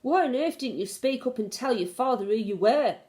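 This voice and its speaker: A woman's voice: on the high side, animated, normal speed, a little mellow, pitched above the performer's own voice, close to an everyday voice. Woman acting old storybook grandmother, shrewd, doting, emphatic, swooping intonation. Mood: exclaiming.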